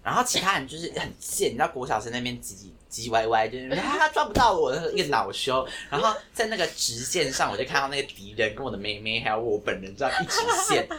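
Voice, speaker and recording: A young man with a Taiwanese Mandarin accent, a guest in a casual chat, telling stories in an animated way and apologizing sheepishly. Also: mid-range voice, quick pace, hardly any pauses, a crowd in the background.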